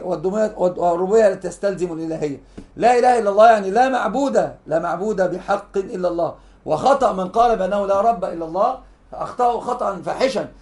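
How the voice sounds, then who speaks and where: A man's voice: high voice, a little mellow. A man giving a religious lesson, emphatic and repeating key phrases as he explains texts. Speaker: sheikh teaching hadith.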